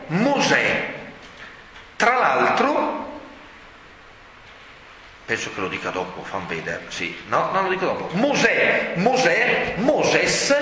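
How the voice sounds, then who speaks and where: A man preaching an animated, rhetorical sermon, often shouting for emphasis. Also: medium pitch. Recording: echoey hall, faint ambience.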